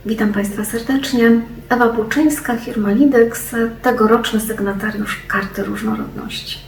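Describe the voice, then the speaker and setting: A woman's voice: on the high side, fairly even intonation, normal speed, faint music behind. A woman giving a prepared company statement, hesitating often with fillers. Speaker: company representative. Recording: echoey room, distant mic, faint noise.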